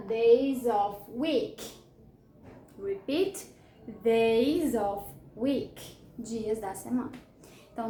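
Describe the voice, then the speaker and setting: A woman with a Brazilian Portuguese accent, teaching an English lesson and drawing out each word slowly so learners can repeat it. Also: a little high, darkish tone, reverberant. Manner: slow, drawn-out model pronunciation of English words. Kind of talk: bilingual language lesson.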